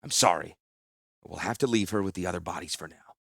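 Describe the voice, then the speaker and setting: A man's voice: medium pitch, big pitch swings, quick pace, fairly bright tone, husky, no echo, clean studio sound, exaggerated voice. A man voicing a stern male commander who speaks in clipped, commanding tones.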